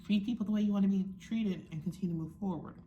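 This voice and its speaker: A woman's voice: medium pitch, rapid-fire, dark tone, dull audio, slight background noise. A young woman chatting casually to her viewers, talking while she eats, frank and musing. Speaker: vlogger. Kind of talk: casual chat to camera.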